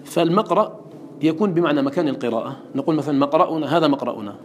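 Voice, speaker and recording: A man's voice: a little high, very fast, slight background noise. A man teaching a class on Quran recitation. He explains terms, quotes verses and checks understanding with questions. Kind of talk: classroom lesson.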